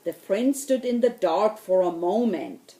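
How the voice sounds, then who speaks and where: A woman reading a children's storybook aloud in a slow, expressive way. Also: mid-range voice, roomy sound. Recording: voice distant from the mic.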